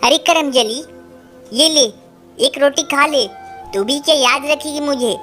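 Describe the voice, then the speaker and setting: A woman's voice: sits high, a little slow, sharp tone, faint music behind. A woman voicing a cruel, harsh stepmother bird in a cartoon. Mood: scolding. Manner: harsh, scolding. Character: cruel scolding stepmother bird, female, adult.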